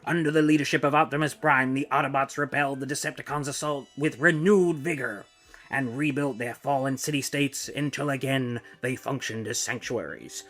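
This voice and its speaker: A man's voice: mid-range voice, steady tone, moderate pace, fairly bright tone, soft background music. A man giving a dramatic, grandiose scripted narration of a comic book. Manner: grandiose, declaiming.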